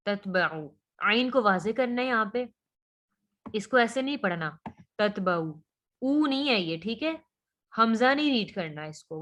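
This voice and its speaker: A woman teaching Quran recitation rules. She speaks patiently, asks and answers her own questions, and draws out the recited words slowly. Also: mid-range voice, a bit bright. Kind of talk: online tajweed lesson.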